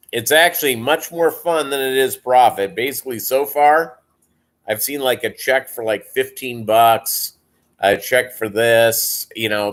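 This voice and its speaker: A man with a deep Southern accent hosts a casual livestream at a slow, halting pace. His voice sits at an average pitch, and he rambles loosely as he addresses his viewers. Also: fairly bright tone. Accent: deep Southern American. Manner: rambling, halting delivery, reading and answering viewer comments. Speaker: live stream host.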